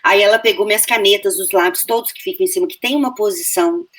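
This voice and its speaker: Here a woman with a medium-pitched voice talks quickly in a Brazilian Portuguese accent. An actress from Brazil, she shares anecdotes in a laid-back interview, acting out what others said and breaking off to restart many times.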